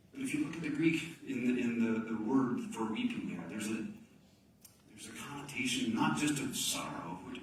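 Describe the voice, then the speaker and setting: A man's voice: mid-range voice, a little hiss or hum. A male pastor delivering a sermon in a church, his voice rising with emphasis and falling to near whispers as he acts out quoted pleas. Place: church sanctuary. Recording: very echoey church, mic at a distance.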